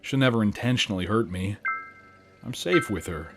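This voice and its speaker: Brief: gruff-sounding low middle-aged divorcé, read by a man, crude and blunt, music bed. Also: animated, normal speed. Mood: defensive. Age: 40s.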